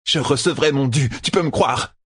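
A man voicing a hateful, scheming female sorceress who snarls insults in a raised, husky voice. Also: mid-range voice, normal speed, fairly bright tone, pitched above the performer's own voice. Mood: gloating.

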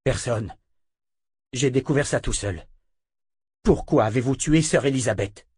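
A man's voice: medium pitch, unhurried, a little mellow, breathy edge, no echo, studio quality. A man voicing a heated, accusing young man in an audiobook. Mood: angry. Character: angry young man, defiant.

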